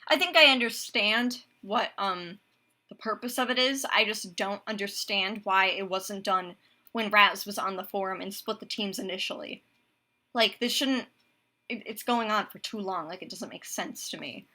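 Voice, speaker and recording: A woman's voice: medium pitch, moderate pace, bright, forceful tone. A woman in casual chat as a stream co-host, hesitant and trailing off with fillers, her mic crackling and cutting out.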